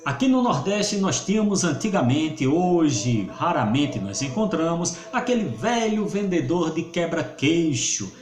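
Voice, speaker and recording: A male teacher explains grammar slowly and clearly. He often draws out syllables for emphasis, and his pitch moves up and down a lot. The room around him has a noticeable echo. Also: big pitch swings. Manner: didactic, stretches syllables for emphasis. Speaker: Portuguese teacher. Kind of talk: video grammar lesson. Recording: roomy echo.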